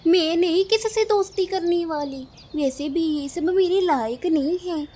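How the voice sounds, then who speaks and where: A woman's voice: very high-pitched, unhurried, warm tone, a little hiss or hum. A woman voicing a grumpy, nagging female crow in a cartoon, scolding and complaining.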